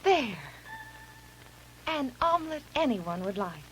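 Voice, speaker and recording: A woman's voice: fairly high pitch, very animated, slow pace, a little hiss or hum, low-quality recording. A woman voicing a 1950s TV cooking commercial in a sweet, coaxing demonstrator tone, heard as old broadcast audio. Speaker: commercial voice-over. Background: music.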